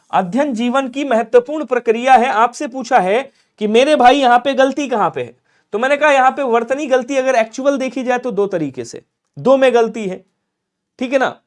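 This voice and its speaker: A man runs a live online exam-prep class, his voice sitting high for a man. He quizzes viewers, repeats key points and keeps coaxing them to answer fast. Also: animated. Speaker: Hindi grammar teacher.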